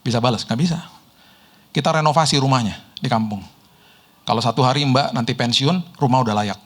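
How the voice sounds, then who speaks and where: A middle-aged man, preaching a sermon told through lively personal stories and chuckles. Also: mid-range voice, a little fast. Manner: lively storyteller, mimics people in quotes, laughs often. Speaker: pastor.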